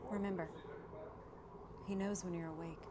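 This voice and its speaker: A woman playing a calm mother who speaks softly and gently to her son, in a noisy video played back on stream. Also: medium pitch, normal speed, close to an everyday voice. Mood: hushed. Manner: hushed, gentle.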